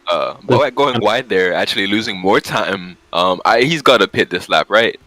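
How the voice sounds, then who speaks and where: Male race commentator, low pitch with a bright edge, relaxed conversational play-by-play. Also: moderate pace, dry recording, rough recording. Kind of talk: casual live sim-race commentary.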